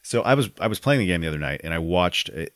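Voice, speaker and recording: A man's voice: sits low, expressive, quick pace, a bit bright, dry recording, studio quality. A man co-hosting a podcast, telling game stories with enthusiasm and lots of "like.". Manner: enthusiastic storytelling, filler "like" throughout. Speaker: podcast co-host. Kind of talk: casual gaming chat.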